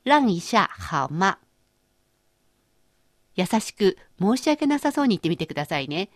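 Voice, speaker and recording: A woman hosting a radio language lesson, explaining phrases clearly and chatting with her co-teacher. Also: mid-range voice, big pitch swings, a little slow, no room sound, studio quality. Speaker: language course host.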